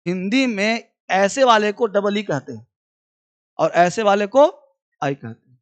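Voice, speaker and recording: A male teacher runs a demo class on English spelling, drilling each sound by repeating words several times and firing quick questions at his students, whom he fondly calls children. His voice is high and smooth, with lively intonation.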